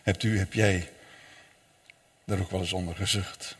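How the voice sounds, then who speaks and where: A male pastor delivers a solemn sermon with dramatic swells and drops in his voice. He speaks slowly, and his voice carries a slight huskiness. The sound rings with the long reverb of a large church hall. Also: deep voice, steady tone, a bit bright, breathy edge. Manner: slow, solemn preaching with dramatic rises and falls.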